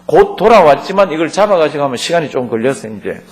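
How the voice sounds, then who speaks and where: A male pastor leads a Bible study lecture in a fairly high voice with a very animated, swooping pitch. He reads scripture aloud, then explains it in a relaxed, conversational way, often asking the class questions. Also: quick pace. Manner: asks the class questions and leads group reading.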